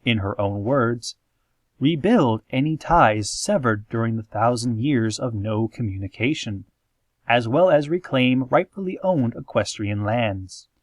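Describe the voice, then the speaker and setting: In a parody podcast, a man plays a calm, eerie small-town radio announcer reading scripted spoof news. His delivery is measured, theatrical, and deadpan, at a medium pitch with no echo.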